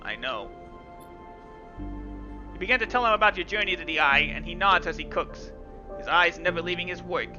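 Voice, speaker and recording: Hosting a gaming video, a man reads the game text with dramatic flair and drops casual asides along the way. His voice sits high and moves at a quick pace. The lo-fi recording sounds dull, with game music playing.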